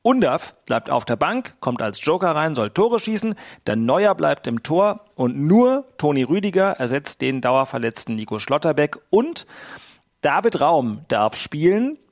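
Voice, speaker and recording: Male sports reporter, slightly high, gravelly; dry, ironic delivery. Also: sing-song, measured pace. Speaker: World Cup reporter. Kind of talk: radio phone-in report.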